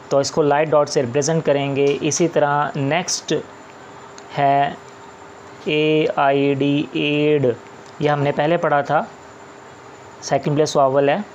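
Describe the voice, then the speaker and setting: A Pakistani man with a fairly high voice teaches shorthand step by step, patient and repetitive, frequently starting with "ji." His slow classroom explanation comes through dull audio with slight background noise.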